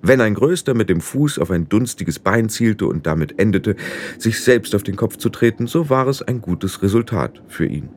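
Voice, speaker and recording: A man reading a fantasy audiobook aloud, expressive and lifting his voice for the characters. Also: normal speed, slight background noise. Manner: expressive, raises pitch for the girl's lines. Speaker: audiobook narrator.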